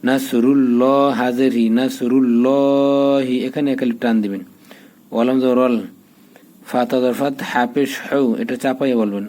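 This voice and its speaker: A man teaching recitation step by step, patiently spelling out each letter and vowel mark, then slowing into drawn-out chanting. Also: medium pitch, darkish tone, low-quality recording.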